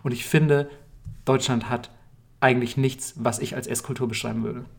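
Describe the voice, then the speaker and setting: Young German man, co-host, eager and slangy, rambling casual delivery, mid-pitched voice. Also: fairly even intonation, moderate pace, vocal fry. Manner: enthusiastic, slangy, talks in long rambling runs. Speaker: podcast co-host. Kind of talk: casual chat.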